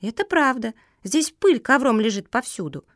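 A tiny, chatty girl pug with a squeaky, innocent voice pitched well up, as a woman reader puts her on. The sound is dry and close, a children's storybook. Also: sing-song, moderate pace, no echo. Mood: chirpy. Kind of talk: audiobook character reading.

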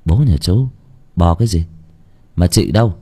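A man's voice: low voice, lively intonation, moderate pace, mellow, slightly rough, voice pushed down, heavily acted. A man voicing a trusting young village groom, talking plainly with a scolding edge. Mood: puzzled.

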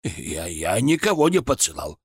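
A man's voice: sits low, very animated, normal speed, slightly rough, no room sound, clean studio sound, pitched below the performer's own voice, heavily acted. A man voicing a frightened, stout male merchant who stammers and whines shrilly in an audiobook. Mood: panicked.

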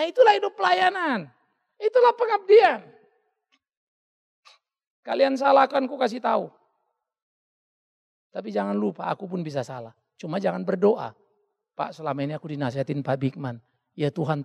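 A man preaching a sermon as a pastor, animated and joking, acting out the voices of the people he quotes. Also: high voice, gravelly, long reverb tail.

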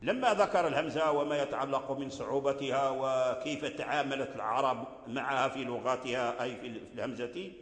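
A man's voice: mid-range voice, steady tone, brisk, hardly any pauses, fairly bright tone. A man, teaching Quran recitation and explaining verse by verse while repeating example words. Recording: echoey hall.

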